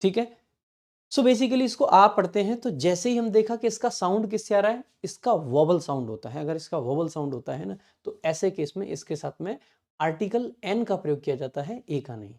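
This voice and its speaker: In an online exam-prep lesson on English grammar, a man reads example sentences slowly, word by word, and keeps firing quick check questions at his students. His voice sits high, with lively intonation and a darkish tone.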